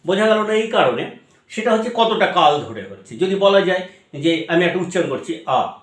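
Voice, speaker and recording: A man with a Bengali accent giving a lecture to students, explaining step by step with frequent pauses and fillers. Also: high-pitched, reverberant.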